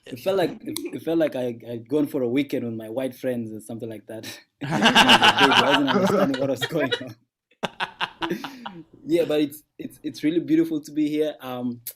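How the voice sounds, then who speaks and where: A man from South Sudan, appearing as a guest comedian, does a laid-back stand-up set over a video call from his home at night, repeating words and chuckling through his jokes. His mid-range voice is slightly bright and moves at a moderate pace.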